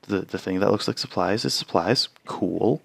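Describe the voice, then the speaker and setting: A man's voice: sits low, normal speed, vocal fry, husky. A man doing a let's play, reading game text aloud with self-mocking jokes. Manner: self-mocking, joking asides. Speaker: game streamer.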